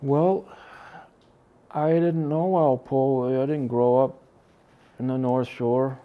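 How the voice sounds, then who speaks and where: An older man from Connecticut, a drummer, answering interview questions slowly and haltingly, with many pauses and trailing soft phrases. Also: medium pitch, fairly even intonation, phone-quality sound. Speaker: drummer interviewed about his band.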